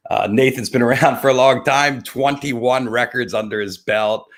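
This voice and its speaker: Speaking at medium pitch and moderate pace, a man with a New Jersey accent ad-libs a wandering, jokey opening for his live webcast. His delivery is lively but scattered and halting.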